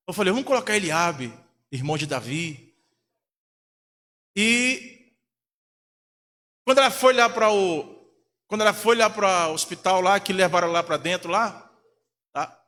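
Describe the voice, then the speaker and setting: A man's voice: sits high, pushed and bright, big-room sound. A man, a pastor from Brazil, preaching a sermon in a church, telling a family story and acting out the voices of the people in it. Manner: storytelling, acts out quoted voices. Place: church hall.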